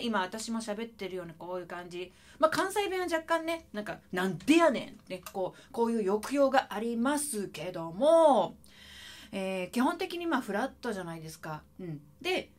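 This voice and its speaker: A middle-aged woman teaching saxophone in a chatty video lesson, scatting and singing short phrases to show the rhythm. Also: high-pitched. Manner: lively, chatty, sings and scats phrases to demonstrate.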